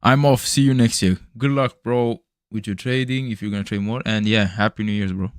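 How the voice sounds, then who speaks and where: Raised somewhere in Europe by Serbian parents, this young man livestreams his futures trading with casual, chatty commentary, swearing and laughing and calling viewers bro. His voice sits on the low side, clear and resonant, with fairly even intonation and a slightly fast pace. It's a dry, studio-quality recording.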